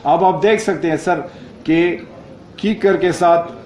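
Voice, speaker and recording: A man with a fairly high, slightly mellow voice and fairly even intonation presents a project report slide by slide. He mixes English phrases into his Urdu, hesitates a lot with many fillers, and frequently addresses the listener as "sir."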